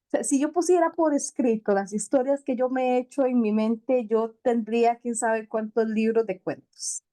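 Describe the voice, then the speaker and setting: A woman's voice: a little high, warm tone. A woman co-hosting a talk show, telling stories in a chatty, self-deprecating way and laughing often.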